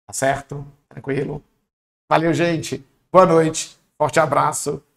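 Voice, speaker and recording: Speaking slowly in a slightly high, gravelly voice, a man coaches students online for an exam. He sounds upbeat and informal, cheering them on and often pausing to make sure they're with him.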